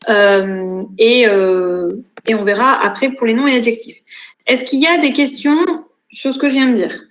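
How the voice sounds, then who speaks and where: A woman's voice: on the high side, steady tone, moderate pace. A young woman lecturer giving an online class, explaining methodically step by step with frequent hesitations. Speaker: university lecturer. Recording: echoey, dull lo-fi recording.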